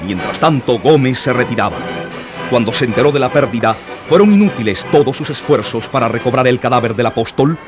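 A man's voice: mid-range voice, expressive, fairly quick. A man giving dramatic scripted narration of historical events for a radio drama, in a solemn, heightened manner. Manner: solemn, rising to heightened intensity in battle passages. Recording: narration over loud music.

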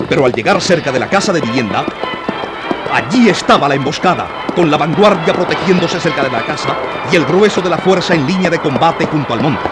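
A man giving dramatic scripted narration of historical events for a radio drama, in a solemn, heightened manner. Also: a little high. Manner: solemn, rising to heightened intensity in battle passages. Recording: narration over loud music.

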